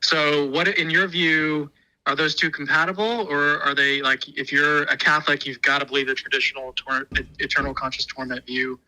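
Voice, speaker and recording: Over a speakerphone relaying his phone call, a guest caller chats casually in poor audio quality. His slightly high voice is pushed and bright, fairly even in intonation at normal speed, and his thoughtful speech hesitates with lots of fillers.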